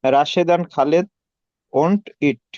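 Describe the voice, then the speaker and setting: A male student reads practice sentences slowly and haltingly, repeating each one. His voice sits a little high. The audio is dull and lo-fi, and the sound is dry. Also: a little mellow, no room sound. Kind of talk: reading practice sentences aloud.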